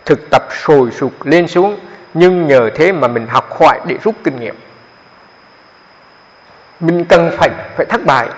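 A man, a Buddhist monk giving a dharma talk on meditation in a conversational, explanatory way, often repeating his words. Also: a little high. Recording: echoey hall, dull lo-fi sound.

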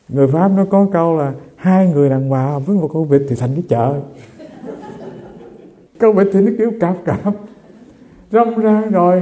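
A middle-aged Buddhist monk giving a humorous sermon, telling stories and acting out the voices of the people in them. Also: male voice, fairly high pitch, dark tone. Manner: storytelling, humorous, acts out quoted voices.

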